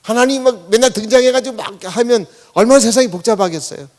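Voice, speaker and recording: A man with a very high-pitched, slightly mellow voice and a quick pace preaches a Sunday sermon as senior pastor. In the church sanctuary he talks conversationally, frequently asks the congregation questions and has them read aloud with him.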